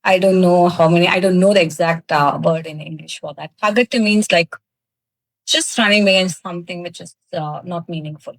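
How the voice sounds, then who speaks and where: A cosmetics business founder from South India, a native Tamil speaker with a thick South Indian accent, answers interview questions earnestly and emphatically. Her voice is lowish and fairly quick, and the recording quality is poor.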